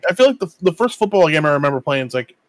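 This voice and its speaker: A man's voice: fairly high pitch, sing-song, racing, dry recording. A man co-hosting a podcast with friends, reminiscing in an easygoing way. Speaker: podcast co-host. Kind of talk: casual chat among friends.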